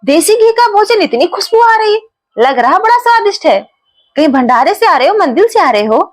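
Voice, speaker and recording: A woman's voice: very high-pitched, very animated, moderate pace, voice pushed up. A woman voicing a small cowherd boy who coaxingly urges an old man to stop in a devotional story. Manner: coaxing, repeatedly urging someone to stop.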